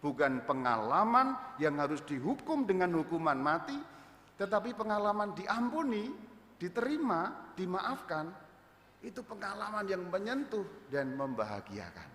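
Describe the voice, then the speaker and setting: Lively male priest in echoey church. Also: high-pitched, unhurried. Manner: lively storyteller, acts out surprise, loud bursts. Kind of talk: homily telling a personal story. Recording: echoey church with long reverb.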